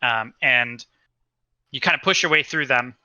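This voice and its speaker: A man's voice: medium pitch, measured pace, bright, forceful tone, no room sound, lo-fi sound. A man narrating a tabletop game as game master, in a casual, rambling way with lots of fillers.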